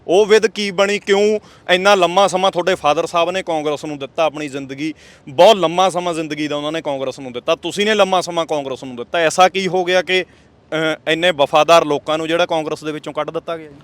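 A man's voice: a little high, steady tone, quick pace, dry recording. A man interviewing a candidate, asking pointed questions in a formal, respectful tone. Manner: formal, respectful address, frequent murmured backchannels.

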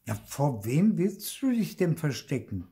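An older man reading aloud, voicing an excitable, insistent little girl in a storybook. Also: unhurried. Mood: wondering. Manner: shrill, wide-eyed and insistent.

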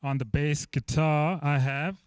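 A man's voice: fairly high pitch, fairly even intonation, unhurried, a little mellow, smooth, dry recording, studio quality. A man introducing musicians and leading a cheerful church sing-along, calling out to the singers. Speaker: music leader.

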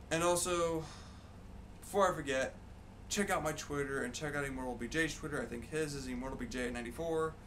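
Guy in his 20s, casual rambly gamer vlog, swears a lot, mid pitch, noisy background. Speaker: gaming video creator. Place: home bedroom, indoors. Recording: clear background noise.

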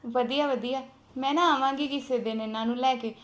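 A woman's voice: high voice, fairly even intonation, fairly quick, natural voice. A woman playing a polite, conciliatory younger sister. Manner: polite, soothing. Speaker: sister-in-law character.

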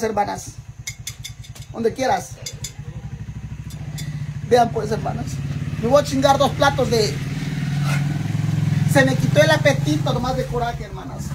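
A vlogger with an extremely high, gravelly voice rants casually to his followers over a noisy background. He eats on camera as he talks, theatrical, profane and mock-indignant, repeatedly addressing viewers as "sisters."

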